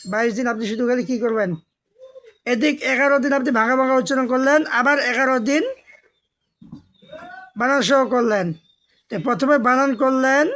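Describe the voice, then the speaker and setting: A woman teaching Quran reading. She spells each word letter by letter, chants the words slowly and drawn out, and explains patiently and repetitively to her learners. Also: on the high side. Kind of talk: step-by-step recitation lesson.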